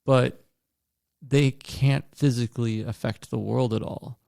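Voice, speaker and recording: A man musing aloud on a book podcast, pausing and restarting as he works out his thought. His voice is dark and mellow with a gravelly rasp. It is recorded dry and close, with no room sound. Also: medium pitch, fairly even intonation, no echo. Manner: thoughtful, loose, with fillers and restarts. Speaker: podcast co-host. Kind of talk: casual book discussion.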